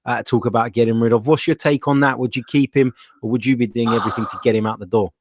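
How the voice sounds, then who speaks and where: A man's voice: medium pitch, steady tone, fast, dry recording, clean studio sound. A man with a London accent casually presenting a live football fan phone-in in a blunt, matey way.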